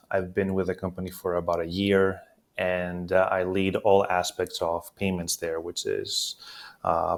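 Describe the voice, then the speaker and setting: Male guest from Greece, very deep even delivery, measured and explanatory, lots of "uh" fillers. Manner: steady explanatory talk with frequent "uh" fillers. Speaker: guest, payments executive. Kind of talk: conversational interview answers.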